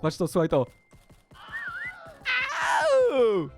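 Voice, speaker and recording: Excitable man narrating his game. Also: normal speed, loud music behind the voice. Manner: excitable, often jumps to loud high exclamations. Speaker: gaming video host. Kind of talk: excited gaming commentary.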